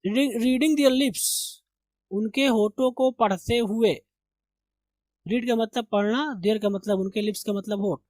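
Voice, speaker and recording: A man's voice: sits high, a little mellow, no echo. Man teaching English. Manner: reads English slowly, then explains briskly in Urdu; repeats "theek hai" as a check-in. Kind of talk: line-by-line translation lesson.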